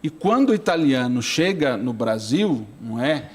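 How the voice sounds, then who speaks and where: On a talk show, a middle-aged priest appearing as a studio guest chats loosely, constantly ending his sentences with "não é?" to seek agreement. His mid-range, darkish voice is very animated and moves at a moderate pace.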